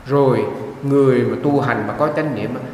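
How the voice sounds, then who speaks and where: A monk, giving a dharma talk in lively storytelling. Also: male voice, mid-range voice, fairly quick, slight background noise. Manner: lively storytelling, acting out quoted voices. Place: meditation hall. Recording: echoey hall from a distance.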